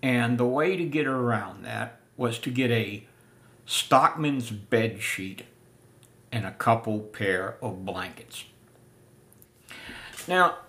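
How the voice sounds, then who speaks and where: An older man giving a casual spoken history lesson, unhurried with many filler pauses, seated in a room full of antiques. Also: mid-range voice, sharp tone. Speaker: living history presenter.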